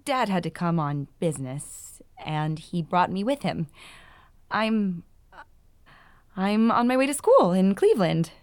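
An actress playing a spirited, quick-tongued young woman in an audio drama. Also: lowish voice, sing-song, a little mellow, no room sound, studio quality. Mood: composed. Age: young adult.

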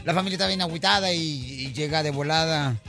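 A man's voice: a little high, fast, over music. A Mexican man hosting a radio show, telling jokes in boisterous, teasing banter and laughing along.

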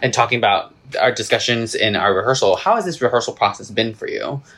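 A man's voice: medium pitch, fast talker, a bit bright. A man from Singapore hosting a casual interview, asking questions with brief, attentive prompts. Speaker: host, composer.

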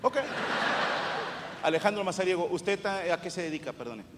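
Mexican comic with a high voice, teasing and crude, working the crowd in a reverberant live venue with audience noise. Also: male voice, lively intonation, normal speed. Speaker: comedian interviewing audience members. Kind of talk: crowd-work comedy interview.

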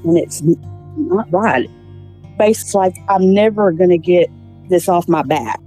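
Woman, weary, halting, low mellow voice. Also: expressive, soft background music. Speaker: mother of the accused family. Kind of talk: casual interview talk.

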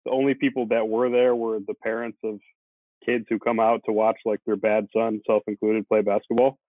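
A man's voice: lowish voice, flat delivery, normal speed, no echo. A man from the Syracuse area, a sports reporter guesting on a podcast, talking in an easygoing way with a lot of hedging fillers. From Syracuse, New York area, USA. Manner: easygoing, talks it through with many hedging fillers. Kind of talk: casual podcast chat. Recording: tinny phone-line audio, dry.

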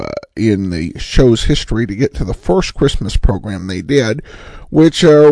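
A man's voice: mid-range voice, a little mellow, no echo. An American man hosting a podcast, introducing an old radio show in a plain, conversational way. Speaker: podcast host.

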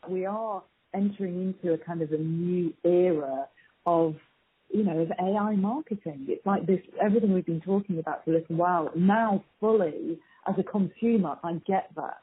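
A woman whose husky voice sits on the low side talks at a normal speed while answering interview questions as a strategy executive. She comes across as earnest and emphatic, though the recording is poor, muffled and phone-like.

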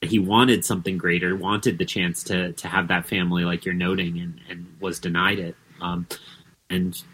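A man chatting on a podcast as a guest, excitable, with many restarts and fillers. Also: deep voice, moderate pace, slightly rough. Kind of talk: casual podcast chat.

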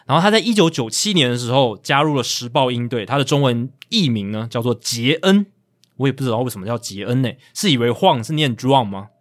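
Fast-talking Taiwanese host reading stats. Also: male voice, medium pitch, expressive. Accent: Taiwanese Mandarin. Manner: reads out stats, explains, with asides. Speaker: podcast host. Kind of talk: casual sports chat.

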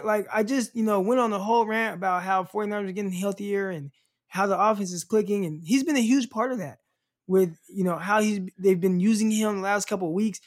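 A young man co-hosting a casual sports podcast, ranting in an animated way, full of fillers. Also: sits high. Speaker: podcast co-host.

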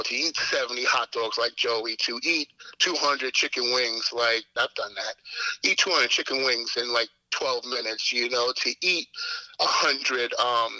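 A man's voice: medium pitch, pushed and bright, dry recording, low-quality recording. A man, talking casually as a guest in an interview, rambling with lots of "you know what I'm saying". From Queens, New York. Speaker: competitive eater guest.

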